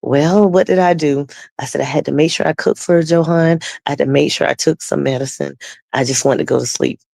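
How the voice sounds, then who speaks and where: A woman's voice: sits low, steady tone, brisk, vocal fry, a little mellow, no echo. A woman guest telling her personal testimony conversationally, acting out the dialogue she quotes.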